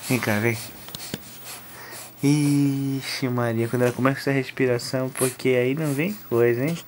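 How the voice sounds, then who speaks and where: A man coos and coaxes his baby in unhurried, playful baby talk. He records on a phone camera in a bedroom at home. A faint hum of room ambience sits behind his voice. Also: mid-range voice, steady tone. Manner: playful, coaxing baby talk with frequent chuckles. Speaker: father filming his baby. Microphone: phone camera held while filming.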